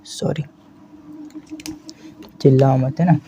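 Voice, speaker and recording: A man teaching spoken English in Hindi, explaining slowly and checking in with "है ना" again and again. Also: medium pitch. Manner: slow, repeats "है ना" as a steady check-in. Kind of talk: explaining a language lesson in Hindi. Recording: slightly dull lo-fi audio with faint background hiss.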